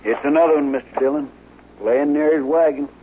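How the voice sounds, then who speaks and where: Actor as Chester, folksy drawling frontier deputy. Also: male voice, fairly high pitch, steady tone, fairly quick, close to an everyday voice. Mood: earnest, respectful. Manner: drawling, deferential. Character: deferential, folksy male marshal's deputy in frontier town. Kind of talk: old-time radio western acting. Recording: muffled vintage radio, faint noise.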